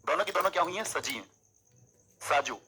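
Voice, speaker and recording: A man with a bright, husky voice teaches an exam coaching class. He talks in an animated, coaxing way and keeps drilling memory tricks. The sound is a little lo-fi. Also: a little high, a little fast.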